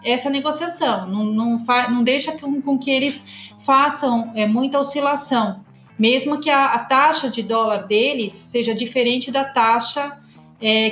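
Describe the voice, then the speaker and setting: A woman with a fairly high voice explains import logistics in a measured way, pausing on small fillers. Her voice echoes in the room, with faint music beneath. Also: fairly bright tone. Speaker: customs consultancy partner. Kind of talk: podcast discussion.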